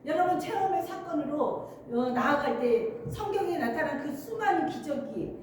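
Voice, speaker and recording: Woman pastor preaching, high voice, really echoey hall, sounds far from the mic. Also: animated, normal speed, darkish tone. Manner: earnest, emphatic, often laughing while speaking. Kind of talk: sermon. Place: church sanctuary. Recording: very echoey church hall, mic at a distance, faint noise.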